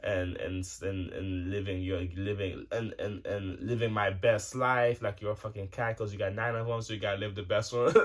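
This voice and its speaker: This young male vlogger, in his twenties, chats casually to camera in a voice on the low side, speaking a little slowly. His monologue wanders, laced with curses, fillers, and restarts.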